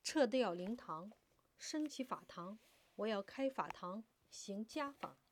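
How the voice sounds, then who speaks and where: A woman voicing a stern, commanding old male clan elder who speaks slowly and weightily. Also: mid-range voice, mellow, close to an everyday voice.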